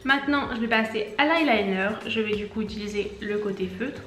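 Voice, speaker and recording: A woman in her twenties, a beauty vlogger talking through a makeup tutorial in a chatty way, with rambling asides and quick self-corrections. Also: a little high. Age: 20s. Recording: echoey room, faint background music.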